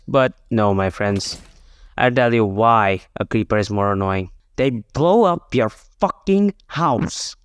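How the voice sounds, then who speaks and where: A man's voice: lowish voice, smooth, no room sound, clean studio sound. A man giving a casual, brash, profane rant as a guest commentator.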